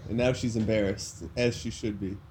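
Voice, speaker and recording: A man's voice: lowish voice, fairly even intonation, moderate pace, darkish tone, slight background noise. A man co-hosting a podcast over a video call, giving dry, brief answers. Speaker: podcast co-host. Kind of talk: casual chat over a call.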